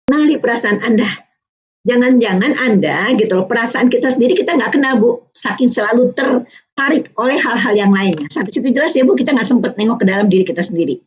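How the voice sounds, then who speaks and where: Older lady teaching parents online, high voice, keeps asking the audience, muffled sound. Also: quick pace. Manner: lively, quizzing the audience with tag questions. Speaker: parenting speaker. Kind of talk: interactive webinar teaching. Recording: dull online webinar audio.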